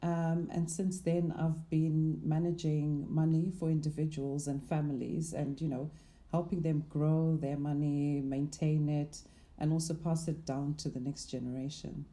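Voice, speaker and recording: A middle-aged woman from Zimbabwe speaks as a guest in a casual interview. Her voice is low and very mellow and dark, and she talks thoughtfully, often saying "um" and "you know". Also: level tone, a little slow. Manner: thoughtful, laughs lightly, many "um" and "you know". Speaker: guest, investment manager.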